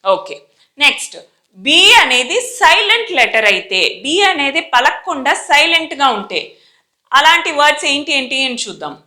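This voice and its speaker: A woman with a Telugu accent teaching English pronunciation, repeating each word slowly and clearly in a deliberate, stressed way. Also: high-pitched, big pitch swings, pushed and bright. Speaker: spoken English tutor. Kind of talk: slow, deliberate pronunciation lesson.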